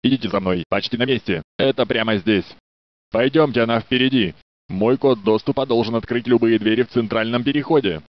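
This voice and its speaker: A male actor voices a polite, dutiful security guard at a research facility in a Russian game dub, courteous with a hint of flirtation and a friendly mood. His medium-pitched voice moves a little fast and sounds close to everyday speech. The studio dub recording is dry and dull, with no room sound.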